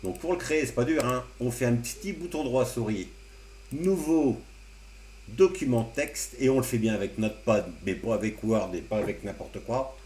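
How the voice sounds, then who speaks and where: A man hosting a casual amateur radio tutorial, explaining computer steps one by one with relaxed, joking asides. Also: mid-range voice, normal speed. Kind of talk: casual screen-recorded tutorial. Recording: roomy echo, faint hum.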